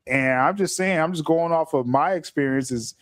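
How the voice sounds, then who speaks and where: A man co-hosting a podcast in casual chat, excitable and quick to laugh. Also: fairly high pitch, dry recording, clean studio sound. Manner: animated, excitable, laughs often. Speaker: podcast co-host.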